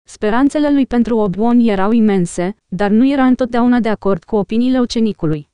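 A woman reading a novel aloud in steady, even scripted narration. Her voice sits fairly high and is smooth and mellow, captured dry and close. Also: no room sound. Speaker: audiobook narrator.

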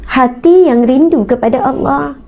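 High-voiced Malaysian woman preaching. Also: moderate pace, gravelly, lo-fi sound. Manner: emotional, earnest, addresses listeners directly. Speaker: religious teacher, preacher. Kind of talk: storytelling religious talk to an audience.

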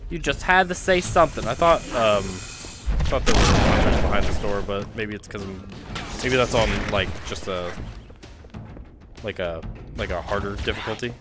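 Male game streamer, excitable and slangy, swinging pitch, with loud game music and gunfire behind him. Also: moderate pace. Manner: excitable, exclaims in alarm and amazement; casual slangy talk, says dude and bro. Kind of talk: casual gameplay commentary.

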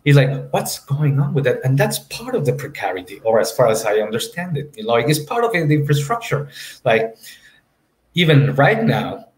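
A very animated man with a mid-range voice speaks at normal speed as moderator of an academic panel, joining from his home by video call. Originally from Mexico with Spanish as his first language, he meanders and fills gaps with "you know." The sound is roomy.

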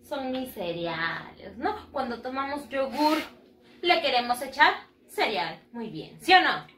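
Woman teacher for small kids, high lively voice, slow and bright, echoey room. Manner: sing-song, encouraging, asks and answers her own questions. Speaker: English teacher. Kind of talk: bilingual lesson for young children.

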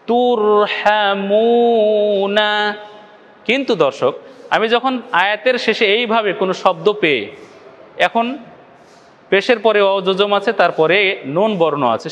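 A man with a high, light voice teaches recitation rules in a patient, methodical way. He talks to his viewers directly as he breaks each rule into small steps. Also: fairly bright tone. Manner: explains rules slowly, often addressing "dear viewers" and drawing out sample recitations. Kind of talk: step-by-step recitation lesson.

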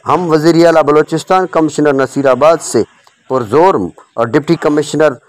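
A man's voice: a little high, dry recording. A male field reporter from Pakistan reading a formal news voice-over. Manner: formal, measured Urdu news delivery.

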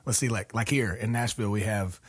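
Man, podcast host, husky, lowish voice, dry close sound, jokey. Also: fairly even intonation, a little fast, no room sound. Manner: jokey, chatty, laughs easily. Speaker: podcast host, singer-songwriter. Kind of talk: casual chat. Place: home studio.

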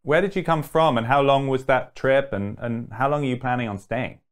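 A man's voice: mid-range voice, normal speed. Polite, eager male interview host. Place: studio.

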